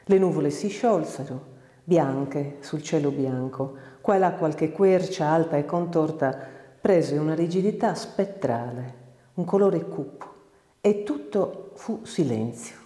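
A woman giving a measured, expressive literary reading of a short story, recorded with a roomy echo. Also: deep voice. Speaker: audiobook narrator. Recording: roomy reverberant room.

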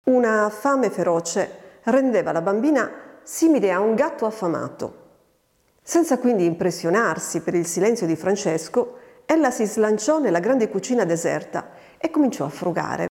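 A woman narrating a literary story in a measured, expressive way, recorded with a long reverb. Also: medium pitch. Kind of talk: literary audiobook reading.

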